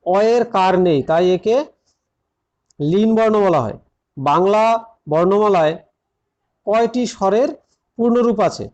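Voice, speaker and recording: A man with a notably high voice works through an exam-prep grammar lesson one step at a time. He repeats the key points and keeps turning to his students as he explains. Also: measured pace, pauses often, a little mellow, lo-fi sound. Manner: addresses students directly. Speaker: teacher.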